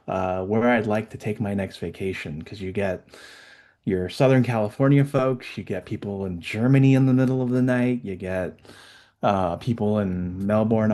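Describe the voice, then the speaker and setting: A man's voice: fairly low pitch, darkish tone. Chatty man hosting a webinar. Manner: chatty, upbeat, many fillers. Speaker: webinar host. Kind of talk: casual webinar chat.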